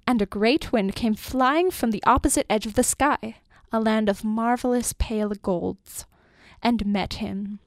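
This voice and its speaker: A woman narrates a story in a measured, expressive reading voice that lingers over each phrase. Her voice sits somewhat high, and the recording is dry and close with no room sound. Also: no echo.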